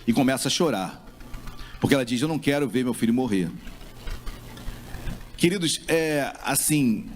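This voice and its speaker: A man's voice: mid-range voice, slight background noise. A man preaching a sermon as pastor with a Brazilian Portuguese accent, speaking with passion and voicing a grieving mother's words. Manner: impassioned preaching, acting out a mother's voice.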